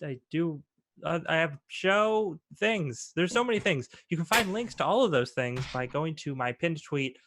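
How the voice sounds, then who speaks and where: A man's voice: on the high side, animated, moderate pace, fairly bright tone. A man playing in a tabletop game, talking in a breezy, playful way. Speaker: player. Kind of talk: casual tabletop play.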